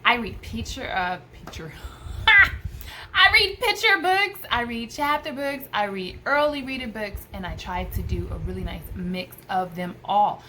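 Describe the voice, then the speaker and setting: Sitting indoors in a small room by a window, a homeschooling mother from the US, in her thirties, gives casual advice to camera, repeating phrases with enthusiastic emphasis. She speaks unhurriedly in a medium pitch with lively intonation and a sharp tone, over slight background noise.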